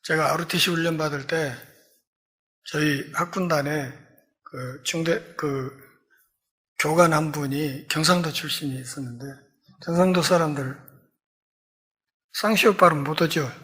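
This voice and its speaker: A man's voice: a little high, unhurried, pauses often, fairly bright tone. A middle-aged man preaching an expository sermon as pastor, telling stories and acting out quoted dialogue.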